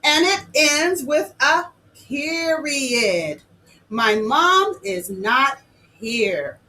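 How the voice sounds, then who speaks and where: A woman hosting a children's lesson, talking to the kids directly in an animated, sing-song way. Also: high-pitched, extremely slow, rough recording. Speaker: children's show host and teacher.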